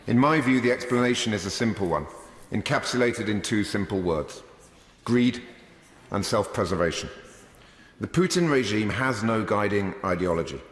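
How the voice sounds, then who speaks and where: British male MP, parliament speech, low voice, measured and emphatic, recorded in a big reverberant chamber. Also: expressive. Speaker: member of parliament making a speech. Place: large debating chamber. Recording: echoey hall, long reverb.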